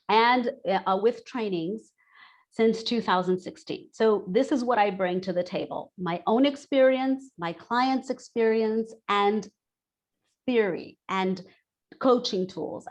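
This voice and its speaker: Over a lo-fi video call, a woman in her forties from Brazil, working as an expat coach, talks candidly and chattily in a webinar presentation. She speaks at a medium pitch and keeps restating what she means.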